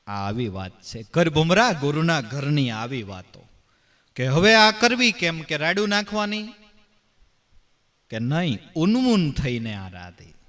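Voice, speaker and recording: A man giving a devotional discourse, animated and full of rhetorical questions, raising and dropping his voice for emphasis. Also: high-pitched. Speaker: devotional preacher and bhajan singer.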